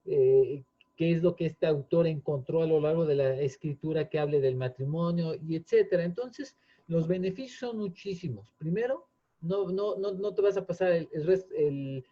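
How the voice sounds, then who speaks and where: A man's voice: a little high, moderate pace, warm tone. A man, earnestly explaining in casual chat, often restarting with fillers. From Mexico. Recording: dull lo-fi sound.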